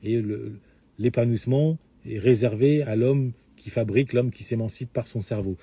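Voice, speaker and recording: Guy lecturing his followers, lots of uhs and restarts, really dark muffled voice. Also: medium pitch, normal speed, husky, no echo. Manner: hesitant, many fillers and restarts, lecturing tone. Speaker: host of a live talk answering questions. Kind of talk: unscripted lecture-style talk.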